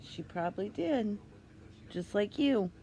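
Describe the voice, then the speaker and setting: A woman's voice: medium pitch, expressive, takes it slowly. A woman talking affectionately to her pet bird in simple, cooing, repeated phrases. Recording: noisy home recording with bird sounds.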